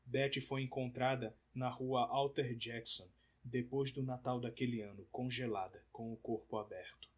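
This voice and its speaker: A man narrating an audiobook in a measured, somber reading. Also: medium pitch, steady tone, slightly rough. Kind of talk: scripted narration.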